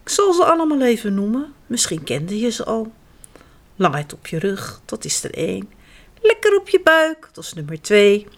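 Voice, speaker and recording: A woman storyteller reading children's stories aloud, slow and expressive. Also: medium pitch.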